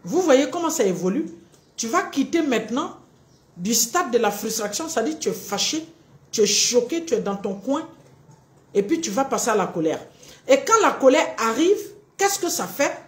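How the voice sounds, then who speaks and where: Woman, relationship coach, live-stream talk, acts out both sides, lively swooping pitch, roomy echo. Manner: animated, acts out both partners in quick little dialogues.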